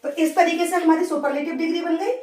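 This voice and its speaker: A woman teaching an English grammar lesson step by step. She dictates the example sentences slowly, word by word, and keeps checking in with the class with a rising "okay". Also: very high voice, steady tone, darkish tone, reverberant, far from the mic.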